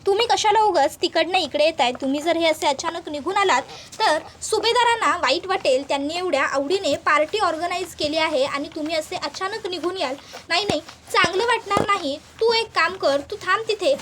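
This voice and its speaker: A woman voicing a scheming middle-aged uncle who lies smoothly and insistently to his family. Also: very high-pitched, fairly quick, noisy background.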